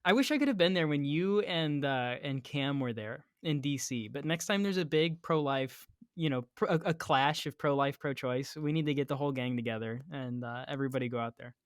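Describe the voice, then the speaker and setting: Animated storytelling man, dry sound. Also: mid-range voice, brisk, hardly any pauses, no echo. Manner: animated storyteller, slangy, acts out quotes. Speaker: podcast guest. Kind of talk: casual chat, storytelling.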